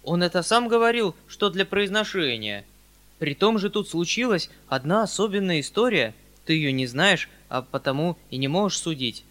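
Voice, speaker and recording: A man voicing a flustered, kindly old country landowner who talks in a hurried, fussy, pleading way. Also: sits high, expressive, fairly bright tone, pitched above the performer's own voice. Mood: defensive.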